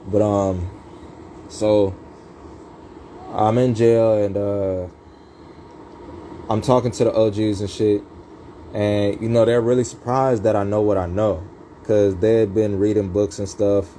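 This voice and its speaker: A man's voice: on the low side, flat delivery, unhurried, long pauses, dark tone, a little hiss or hum, poor audio. A man telling his life story in a rambling, profane livestream, heavy with street slang and fillers.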